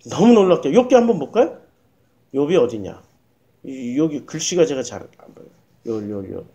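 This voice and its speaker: A man's voice: high-pitched, mellow. A male pastor giving a sermon in a church, hammering home points with repeated rhetorical questions to the congregation.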